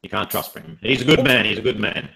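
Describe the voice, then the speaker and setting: A man's voice: on the low side, fast talker, vocal fry, pushed and bright, low-quality recording. A man hosting a live online panel, jokey and rambling with many fillers. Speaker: host.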